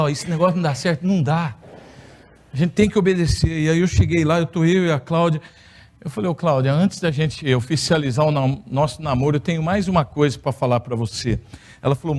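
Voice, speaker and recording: A Brazilian man, middle-aged and with a rather high voice, preaches from the pulpit of a church. He tells a personal story with a playful, humorous touch. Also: a little mellow. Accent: Brazilian Portuguese. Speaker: pastor. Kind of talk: sermon testimony. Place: church hall.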